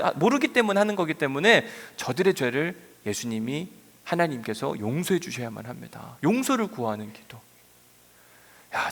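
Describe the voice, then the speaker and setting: Animated male pastor preaching in a hall. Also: on the high side. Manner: animated preaching, asks the congregation questions. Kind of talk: sermon. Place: church sanctuary. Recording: church hall reverb.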